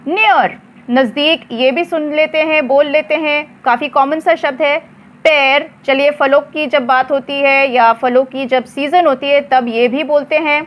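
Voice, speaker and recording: A woman teaching English words in a slow lesson, spelling them out letter by letter and repeating each one. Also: sits high, fairly even intonation, muffled recording.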